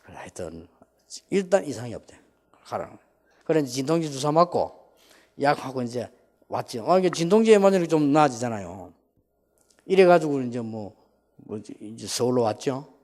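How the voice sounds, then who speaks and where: A man, preaching a sermon and telling a personal story in a rambling, animated way with many asides. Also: medium pitch, normal speed, long pauses, long reverb tail. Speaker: pastor.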